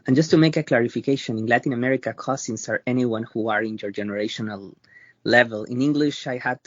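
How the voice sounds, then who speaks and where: A man with a Peruvian accent speaks at a medium pitch, taking his time and reshaping his sentences as he thinks. His answers come across as a thoughtful interview. The recording is dry and slightly dull, like a lo-fi line. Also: dry recording. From Peru. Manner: thoughtful and halting, often pausing and restarting. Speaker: interview guest, researcher.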